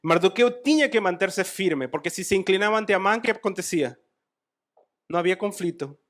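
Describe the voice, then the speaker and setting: A man preaching a sermon in a church, retelling a Bible story with animated asides. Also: high-pitched, a little fast.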